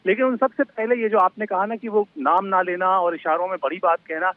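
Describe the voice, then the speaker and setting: A man, a sports correspondent, giving live analysis in a measured way with frequent filler pauses. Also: sits high, steady tone, dry recording. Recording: slightly dull line with faint music.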